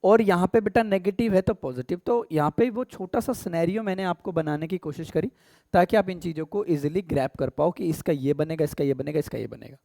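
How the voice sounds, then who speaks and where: A man's voice: fairly high pitch, vocal fry, mellow, no room sound. A man with an Indian accent teaching English grammar in a casual mix of Hindi and English. He calls his students "beta" and often checks "theek hai?". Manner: slows down to read English examples aloud.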